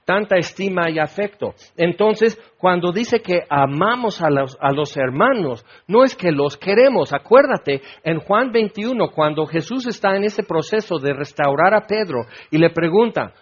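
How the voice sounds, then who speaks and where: A high-pitched man gives a sermon. He talks in a folksy, joking way and drops into little voices for the people he describes. The recording sounds dull and lo-fi. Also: animated, a little slow, hardly any pauses, slightly rough. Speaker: preacher.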